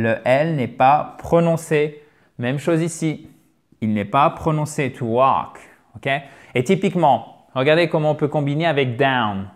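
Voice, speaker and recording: Man, video teacher, a touch high, encouraging, repeats words slowly for practice. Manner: frequent "ok?" check-ins. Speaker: English teacher. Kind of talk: online lesson.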